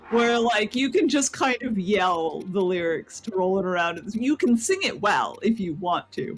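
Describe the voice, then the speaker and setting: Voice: medium pitch, fairly bright tone, low-quality recording. A co-host on a gaming stream chatting casually and telling a rambling story. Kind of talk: casual chat. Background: game music.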